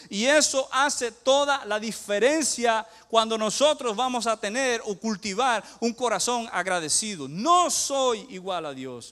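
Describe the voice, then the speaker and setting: High-pitched pastor guy preaching, punchy repeated lines, big echoey hall. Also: a bit bright. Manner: preaching, rising to emphatic calls with repeated phrases. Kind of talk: sermon. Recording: long hall reverb.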